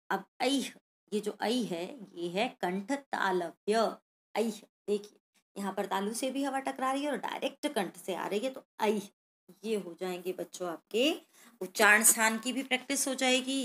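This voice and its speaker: A woman's voice: medium pitch, sharp tone. A woman Sanskrit teacher going through a worksheet lesson, sounding out each letter and speaking directly to the children watching.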